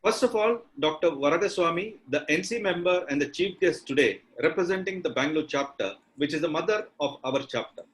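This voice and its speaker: A man giving a formal welcome speech over a video conference call, his audio breaking up, speaking with halting pauses. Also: on the high side, expressive, low-quality recording. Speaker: chapter official giving the welcome address. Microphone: computer or phone mic on a video call.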